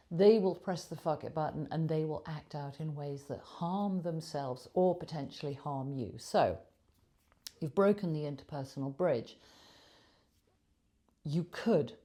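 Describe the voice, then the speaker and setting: A woman's voice: sits low, warm tone. A woman author giving an earnest spoken lesson on emotions, emphatic and full of vivid images, recorded on a clip-on lapel mic. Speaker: author and shame teacher.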